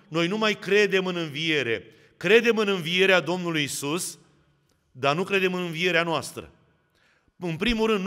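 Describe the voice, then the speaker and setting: A man's voice: a little high, bright, forceful tone. Man preaching in a reverberant hall. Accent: Romanian. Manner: addresses the congregation directly with questions. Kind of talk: sermon.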